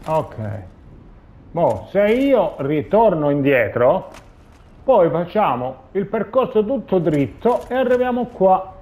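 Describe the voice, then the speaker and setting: A man's voice: high voice, big pitch swings, takes it slowly, dark tone, lo-fi sound. A man gives casual commentary while playing a video game. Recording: clear background noise and game ambience.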